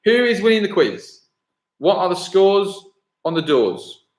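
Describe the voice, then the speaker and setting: Quiz host, male, fairly high voice, rambly and self-correcting, echoey room. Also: big pitch swings, measured pace. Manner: chatty, self-correcting, thinks aloud between questions. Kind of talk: live-streamed pub-style quiz hosting.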